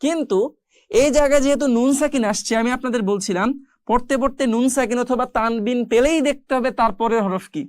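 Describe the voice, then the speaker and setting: A woman's voice: on the high side, fast talker, dry recording, clean studio sound. Patient woman teaching Quran recitation. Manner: patient, explains rules step by step, often asking the listener questions. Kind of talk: tajweed lesson with slow, drawn-out recitation examples.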